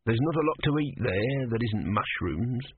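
A man's voice: medium pitch, lively intonation, normal speed, slightly rough, no room sound. A man voicing an indignant small male tortoise god who hurls theatrical curses, heard over tinny phone-like audio. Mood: dry, grumbling.

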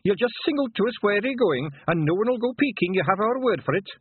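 A man voicing an eager young male pixie warrior with a Scottish accent, speaking in a high, earnest, dutiful way. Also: lively intonation, fast, slightly rough, no echo. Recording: tinny phone-like sound.

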